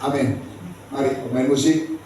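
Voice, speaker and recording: A man's voice: mid-range voice, fairly even intonation, unhurried, background noise. A man preaching a sermon as pastor, emphatic and calling out to the congregation. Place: church hall. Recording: echoey church hall, distant mic.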